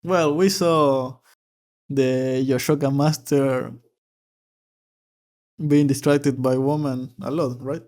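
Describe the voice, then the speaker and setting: A man's voice: medium pitch, steady tone, slow pace, long pauses, a little mellow. A man reading a manga aloud and commenting on it in a casual, hesitant way, often repeating words as he thinks.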